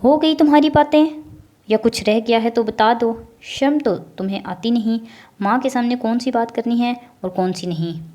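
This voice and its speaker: A woman's voice: mid-range voice, hardly any pauses, darkish tone, lightly acted. A woman voicing a stern, angry middle-aged mother who scolds her daughter in a raised voice, in a storybook reading.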